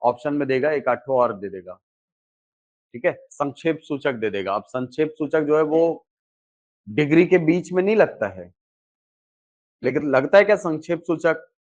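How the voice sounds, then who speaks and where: A man's voice: a little high, lively intonation, normal speed, pauses often, darkish tone. A male teacher giving a classroom lecture, asking questions and answering them himself, often checking in with "okay". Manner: repeats key terms with "ठीक है". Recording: dull lo-fi recording.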